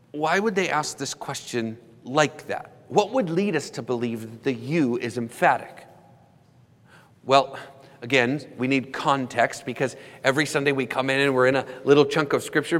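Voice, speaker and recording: Male pastor, mid-range voice, measured sermon delivery, long reverberant church hall. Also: medium pitch, a bit bright. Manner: measured preaching, slows for emphasis, dramatizes quoted questions.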